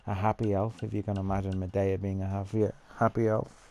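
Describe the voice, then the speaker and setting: A man with a lowish, gravelly voice talks casually through a game, musing aloud and answering his own questions. His tone is dark and mellow. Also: flat delivery, fairly quick. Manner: chatty, thinks aloud, talks to himself. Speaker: gamer building a character. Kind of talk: casual gameplay commentary.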